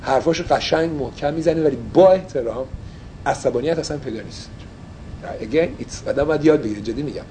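A man's voice: fairly high pitch, dark tone, slight background noise, poor audio. A man teaching an informal Torah study class, mixing Persian with English and explaining phrases as he goes.

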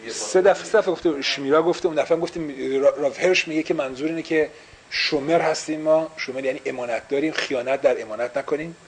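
Man, religious teacher, small class, rhetorical questions, bilingual asides, raised pitch. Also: low-quality recording. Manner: explains with repeated rhetorical questions; mixes English phrases into Persian.

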